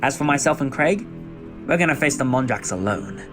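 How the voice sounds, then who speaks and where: A man's voice: mid-range voice, animated, fairly quick, close to an everyday voice. A man playing a heroic, commanding time traveller in a fan sci-fi audio drama, with a theatrical delivery. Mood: earnest, explaining. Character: heroic, indignant time-travelling alien adventurer, male. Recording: music behind the voice.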